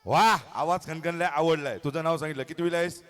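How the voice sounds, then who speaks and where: High-voiced playful male emcee. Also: fairly quick, crowd noise. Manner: playful, coaxing, teasing. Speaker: stage show emcee. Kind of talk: lively stage emceeing with children. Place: outdoor stage at a hotel lawn.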